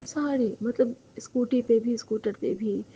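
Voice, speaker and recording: A woman recounts her dream as a devotional testimony, speaking earnestly and straight to her fellow devotees. Her voice sits a little high, yet it is dark, mellow and gravelly. The recording is dull and lo-fi, with faint noise underneath. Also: measured pace. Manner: earnest and devout, addresses listeners directly. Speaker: devotee sharing a dream with the congregation. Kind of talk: spoken testimony, retelling a dream.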